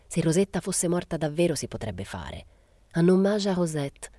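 A woman reading the part of a thin, impatient young woman in her twenties who talks fast and angrily yet childlike. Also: deep voice, very animated, warm tone, dry recording, exaggerated voice. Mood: provocative. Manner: quick and angry.

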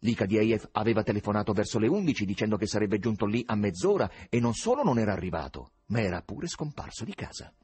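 A man reading a novel aloud in a measured storytelling manner, with the odd wry aside. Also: fairly low pitch, lively intonation, darkish tone, slightly rough. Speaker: audiobook reader.

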